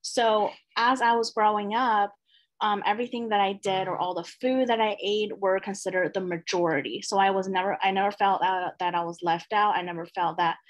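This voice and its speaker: A woman's voice: medium pitch, steady tone, moderate pace, lo-fi sound. Earnest young woman from China. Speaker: panel guest. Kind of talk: personal storytelling on a panel.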